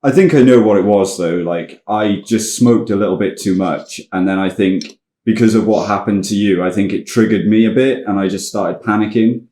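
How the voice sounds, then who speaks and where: A man in a band, telling tour stories in a relaxed, sweary way during casual podcast chat. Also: lowish voice, normal speed, few pauses, echoey room. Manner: sweary, laid-back storytelling. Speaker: band member.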